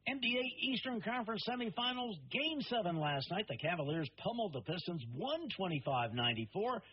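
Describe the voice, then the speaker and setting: A man rattles off sports scores in a punchy newscaster delivery, his high voice swinging up and down. The sound is taped off the radio, dull and lo-fi, with a slightly husky edge. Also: sing-song, brisk. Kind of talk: radio sports news roundup. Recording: lo-fi radio recording.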